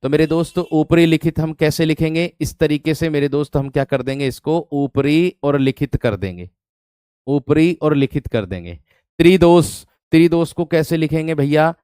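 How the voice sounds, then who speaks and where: A man teaching an online spelling class in a smooth, resonant voice. He repeats each word and quizzes his students with rhetorical questions. The recording is dry and close, with no room sound. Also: mid-range voice, darkish tone, dry recording. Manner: repeats words, asks rhetorical questions, calls listeners "my friend".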